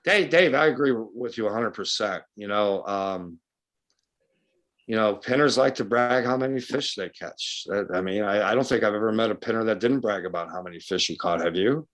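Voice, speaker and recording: A man's voice: lowish voice, moderate pace, a bit bright. Blunt, folksy man from western New York. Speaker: guest speaker, fishing guide. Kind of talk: casual club talk.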